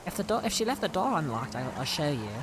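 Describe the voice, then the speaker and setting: A woman's voice: deep voice, sing-song, quick pace, background noise. A woman streamer talking in character during a roleplay game, chatty and hesitant with fillers.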